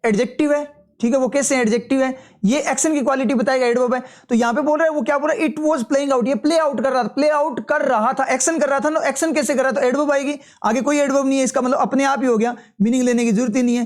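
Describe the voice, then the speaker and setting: A man teaching English for exam prep, going through test answers step by step and asking and answering his own questions, with Hindi explanations mixed with English terms. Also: very high voice. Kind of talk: live test solution walkthrough.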